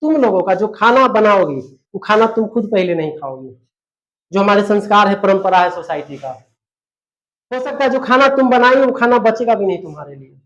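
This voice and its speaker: A man's voice: high-pitched, animated, moderate pace, a bit bright, highs cut off. A man, an English teacher giving a scolding motivational lecture to students. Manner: scolding, lecturing, rhetorical questions.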